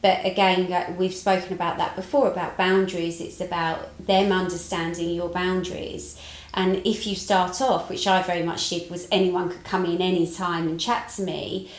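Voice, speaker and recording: A woman's voice: fairly low pitch, little pitch movement, normal speed. A British woman co-hosting a casual business chat, speaking thoughtfully and often restarting her phrases. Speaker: podcast co-host, business owner. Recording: roomy echo.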